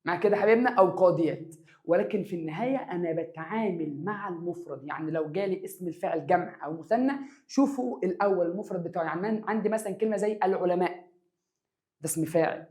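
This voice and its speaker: Quick and high-pitched, this Egyptian-accented teacher energetically goes over grammar in an exam review for secondary school students. He elongates words for emphasis, answers his own questions, and keeps calling them "my dears."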